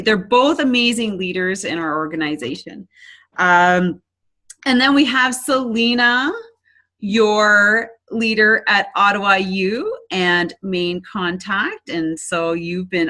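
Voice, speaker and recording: A Canadian woman hosts a casual online business presentation, upbeat and chatty, often saying "um" and restarting her sentences. Her voice is medium-pitched with a sharp tone.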